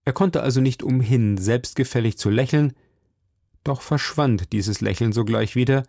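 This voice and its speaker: A man narrating a novel aloud in an even storytelling manner. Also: medium pitch, moderate pace, creaky, no echo, clean studio sound. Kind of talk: audiobook reading.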